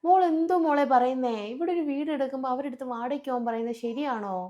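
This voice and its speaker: High voiced woman doing a family skit, scolding and fussing, plays all the relatives. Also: fairly even intonation, fast, darkish tone, dull audio. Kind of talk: comic family skit acting.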